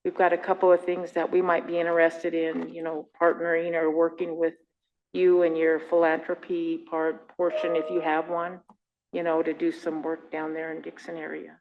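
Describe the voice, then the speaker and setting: Council lady talking, kinda gravelly voice, muffled mic, rambles a bit but earnest. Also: low voice, monotone, normal speed, a little hiss or hum. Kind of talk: remarks at a council meeting.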